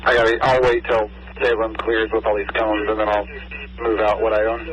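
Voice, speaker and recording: A man's voice: lowish voice, level tone, fairly quick, a bit bright. A man giving businesslike updates in emergency radio traffic over a two-way radio. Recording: muffled noisy radio with hum.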